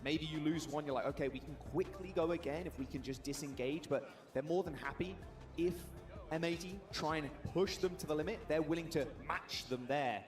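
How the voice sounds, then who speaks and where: A man casting an esports match, giving fast, eager play-by-play analysis. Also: on the high side. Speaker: esports caster. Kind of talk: play-by-play commentary. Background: background music.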